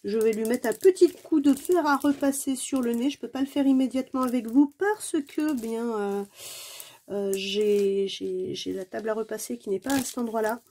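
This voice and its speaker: Chatty, exclamatory woman vlogger, higher voice. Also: moderate pace, warm tone, a little hiss or hum. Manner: chatty and exclamatory, many fillers; playful, self-mocking. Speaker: diamond painting vlogger. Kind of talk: casual unboxing chat to viewers.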